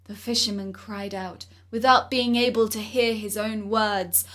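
A woman reading a fairy tale aloud in an expressive storytelling manner. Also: mid-range voice, a little slow.

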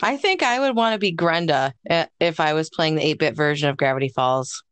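A woman co-hosting a casual podcast chat, speaking in a gentle, encouraging and thoughtful way. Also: low-pitched, animated, fairly quick, clean tone, no echo. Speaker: podcast co-host.

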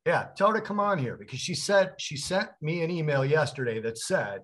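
A man co-hosting a casual podcast chat, an animated storyteller who acts out quotes in other voices. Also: a little high, brisk. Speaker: co-host.

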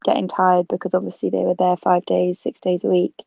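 A woman's voice: fairly low pitch, completely flat delivery, brisk, creaky, no room sound. A woman in her twenties, originally from South Africa, chatting casually as an interview guest and laughing easily. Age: 20s. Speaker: guest photographer. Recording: tinny phone-like line.

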